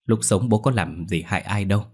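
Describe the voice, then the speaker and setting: A man's voice: fairly low pitch, a little fast, a little mellow, husky. A man voicing an anxious village wife. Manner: stammering, anxious. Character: worried village wife, practical.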